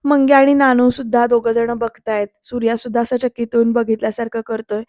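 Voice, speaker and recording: A woman's voice: fairly high pitch, little pitch movement, a little fast, darkish tone, dry recording, studio quality. A woman narrating a voice-over episode recap of a TV serial, chatting directly to her viewers. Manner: chatty storyteller addressing viewers. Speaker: serial reviewer.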